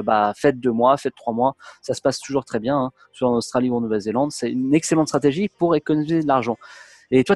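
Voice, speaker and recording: A man's voice: medium pitch, darkish tone, dry recording. A man hosting a casual interview, chatty and full of restarts, giving practical advice to viewers. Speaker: host.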